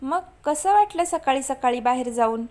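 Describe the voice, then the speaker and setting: A woman voicing a warm, fussing older mother-in-law who coaxes and insists. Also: high-pitched, expressive, moderate pace. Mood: coaxing.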